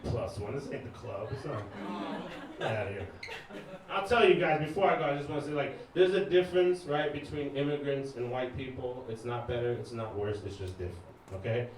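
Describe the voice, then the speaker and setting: A man originally from Iran, a stand-up comedian and DJ, does a club set in a mid-range voice at a fairly quick clip, loosely chatting with the crowd and tossing in asides. The room is very echoey, the mic sits far away, and the loud audience laughs and cheers.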